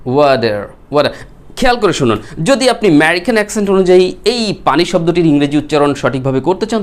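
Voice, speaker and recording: A Bengali man teaching spoken English who explains patiently, repeats words slowly and keeps asking the viewers questions. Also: on the high side.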